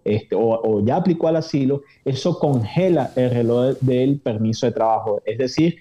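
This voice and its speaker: Dark-voiced male lawyer explaining calmly. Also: medium pitch. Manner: measured, explanatory, frequent "eh" fillers. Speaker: immigration lawyer, guest. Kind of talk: explanatory interview answers. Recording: dull lo-fi audio.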